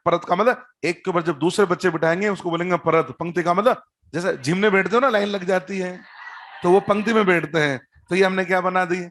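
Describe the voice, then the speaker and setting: A man gives a chemistry lesson in a fairly high voice. He builds each point slowly, repeats key words and fires quick questions at his students. Now and then he drops a teasing joke. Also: fairly bright tone, slight background noise. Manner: explains step by step, repeats key terms, quizzes students; teasing, joking asides. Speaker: chemistry teacher. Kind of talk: classroom-style lecture at a board.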